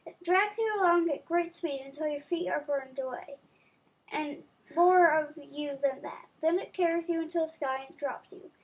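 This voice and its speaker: A woman's voice: high-pitched, normal speed, poor audio. A woman reading as a joking trading-post man. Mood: teasing. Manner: offhand, mocking. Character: joking male trading-post local telling a legend.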